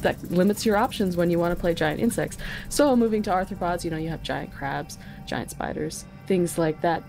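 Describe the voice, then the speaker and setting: A lowish, darkish female voice with vocal fry moves fairly quickly as this podcast guest, an insect research technician, explains things conversationally. She's nerdy and self-aware about it, and music plays in the background.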